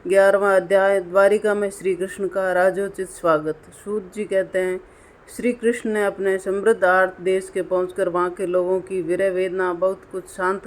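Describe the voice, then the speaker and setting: Woman reciting scripture in an even tone. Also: mid-range voice. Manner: measured, recited delivery with occasional restarts. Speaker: scripture reader. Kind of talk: devotional scripture reading.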